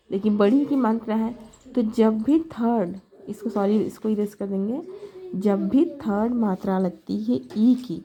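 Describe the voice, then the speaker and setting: Slow, patient woman teaching. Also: mid-range voice, warm tone. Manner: slow, patient, repeats each letter aloud. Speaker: shorthand teacher. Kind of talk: step-by-step classroom explanation. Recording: dull lo-fi sound with faint noise.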